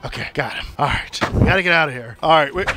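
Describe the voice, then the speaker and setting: A man's voice: a little high, fast, loud music behind the voice. A man in his thirties giving playful, casual let's play commentary on a headset, often repeating his phrases. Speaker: host playing a video game.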